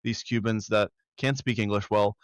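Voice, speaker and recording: A man from South Florida, a podcast guest in a casual political chat, talking bluntly and heatedly with quick bursts and free swearing. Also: fairly low pitch, steady tone, no echo.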